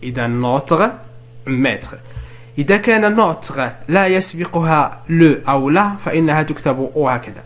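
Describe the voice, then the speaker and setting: A man teaches a French spelling lesson in another language, explaining step by step, asking and answering his own questions, and dictating examples slowly. His voice is a little high, animated, and fairly bright.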